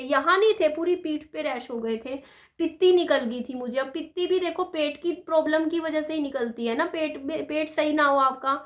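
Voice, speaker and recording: A woman's voice: sits high, a bit bright. A woman vlogger talking casually and confidingly to her viewers. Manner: chatty, confiding, rambling. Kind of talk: casual vlog talk to viewers.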